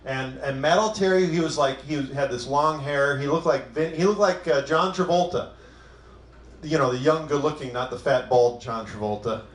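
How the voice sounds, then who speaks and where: A man's voice: a little high, moderate pace, reverberant. A man from Cleveland performing a self-deprecating, crude stand-up set on a club stage. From Cleveland, Ohio. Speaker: stand-up comic.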